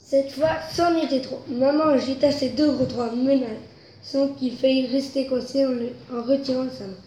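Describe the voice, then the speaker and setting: A woman's voice: high-pitched, fairly even intonation, moderate pace, mellow. A woman reading a children's story aloud, telling it expressively and rising with its tension. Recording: roomy echo, faint noise.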